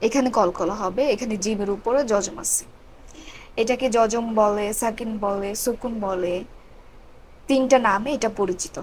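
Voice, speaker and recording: A woman teaching Quran reading, spelling out letters and repeating each syllable slowly. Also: medium pitch, slight background noise, rough recording. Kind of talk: slow step-by-step recitation lesson.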